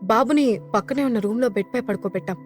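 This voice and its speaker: Woman voicing a calm male doctor. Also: on the high side, quick pace, soft background music, lightly acted. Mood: reassuring.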